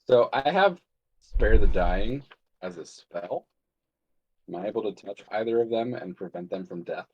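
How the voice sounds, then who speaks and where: A man playing a tabletop game, asking eager, quick questions in casual chat. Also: lowish voice, animated, darkish tone, a little hiss or hum. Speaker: player. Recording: dull lo-fi mic.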